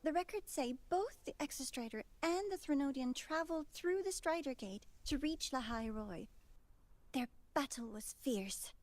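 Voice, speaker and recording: A timid, hesitant assistant. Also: female voice, high voice, lively intonation, normal speed, a little mellow, dry recording. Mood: nervous. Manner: hesitant, stumbles over words. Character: timid young woman assistant reading aloud. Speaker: teaching assistant. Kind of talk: game voice acting.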